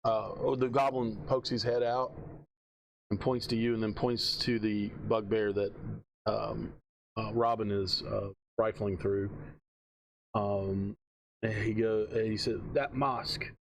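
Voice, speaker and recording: Low-voiced man running a tabletop game. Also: flat delivery, gravelly, background noise. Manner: halting, thinking aloud. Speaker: game master. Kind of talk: casual tabletop game narration.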